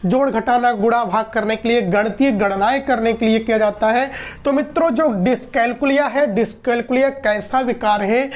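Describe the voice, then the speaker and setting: A woman's voice: fairly high pitch, measured pace. Woman teaching in speech. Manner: explanatory, repeats and rephrases, asks and answers own questions. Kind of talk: exam-prep lecture.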